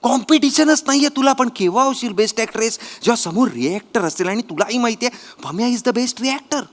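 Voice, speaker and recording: A man's voice: extremely high pitch, animated, brisk. A man acting as an exasperated director in a comedy skit, alternately scolding and coaxing. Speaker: comedy sketch actor playing a director.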